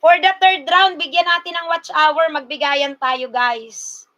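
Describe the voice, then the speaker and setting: A woman from Bicol in the Philippines hosting a casual livestream, slowly coaxing her viewers and talking to them directly. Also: high-pitched, steady tone, pushed and bright. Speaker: livestream host.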